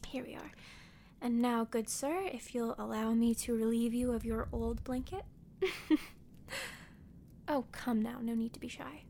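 A woman playing a teasing, soft-spoken hermit healer. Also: fairly high pitch, a little slow, creaky, pauses often, a little hiss or hum. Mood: caring. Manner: gentle, playful teasing, often half-whispered. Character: teasing hermit woman tending a wounded man. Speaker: audio roleplay performer. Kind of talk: audio roleplay addressed to the listener.

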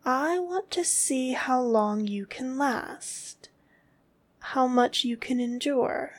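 A woman speaks in a commanding, scornful tone, dropping often into a whisper. Her delivery is very slow and deliberate, with long gaps between short phrases, and her voice sits on the higher side. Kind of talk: scripted dominant roleplay audio.

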